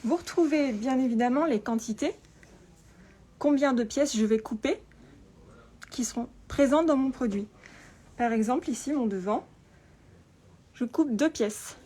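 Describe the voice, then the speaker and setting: A woman presenting an informal tutorial through a face mask, speaking carefully and deliberately with frequent pauses and a slightly muffled sound. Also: high-pitched, dark tone. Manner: careful, deliberate, often pausing. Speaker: patternmaker presenting a lesson. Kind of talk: spoken tutorial with informal explanations. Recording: clear background room noise.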